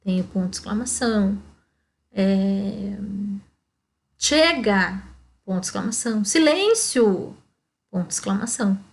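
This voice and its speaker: A woman's voice: medium pitch, fairly even intonation, vocal fry, mellow. A Brazilian woman teaching a primary school lesson, explaining step by step and checking in with "tá?". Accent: Brazilian Portuguese. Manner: slow, explaining, frequent "ó" and "tá?".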